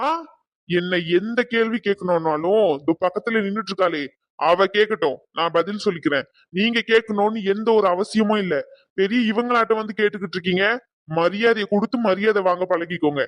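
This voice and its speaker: A man's voice: sits high, fairly quick, no room sound, natural voice. A man playing a stern protective young groom. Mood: angry. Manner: stern, lecturing, raises voice. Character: young groom, firm and protective of his sister. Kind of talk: cartoon drama voice acting.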